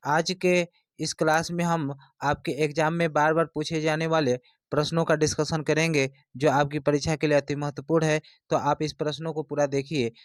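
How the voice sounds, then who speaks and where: A man's voice: on the high side, flat delivery, moderate pace, dry recording. Man teaching grammar, dry sound. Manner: explanatory, repeats points with "yani" and "dekhiye". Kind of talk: exam-prep lesson explaining Hindi grammar.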